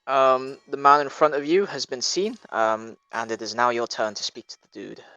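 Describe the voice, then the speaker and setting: A man's voice: medium pitch, moderate pace, bright, forceful tone, dry recording, dull audio. A man narrating a tabletop game as dungeon master, hesitant and full of fillers.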